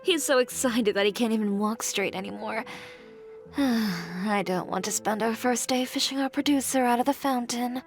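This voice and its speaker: Woman voicing a practical teasing crew member in a game, bit higher voice. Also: normal speed, soft background music, close to an everyday voice. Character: brisk, practical young woman on a film crew.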